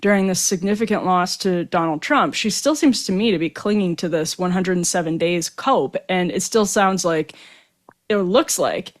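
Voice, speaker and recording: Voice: medium pitch, normal speed. An interviewer hosting a conversational political discussion. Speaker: interviewer, host.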